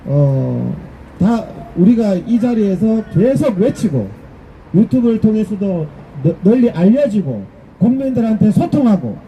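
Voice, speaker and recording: A man with a strikingly high voice whose tone is still very dark and mellow. He addresses a live gathering in a combative, rhetorical political speech that builds to shouts. Faint background noise sits under the recording. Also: big pitch swings, a little slow, poor audio. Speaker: political rally speaker. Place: public gathering with a live audience.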